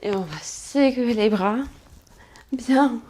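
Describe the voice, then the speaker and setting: A woman instructor calmly guiding a pilates class, cueing movements and counting, with soft whispered asides. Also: a little high, slow pace. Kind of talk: guided exercise class instruction.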